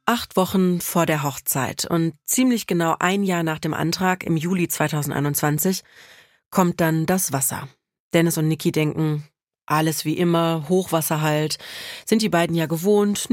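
A woman hosting and narrating a podcast, telling the story in a lively, personal way. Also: deep voice, normal speed, no echo, clean studio sound.

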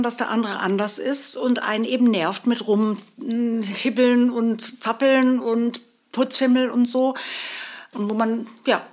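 Woman, author interview, thoughtful, slightly high voice. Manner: thoughtful, searching for words. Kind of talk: interview answers.

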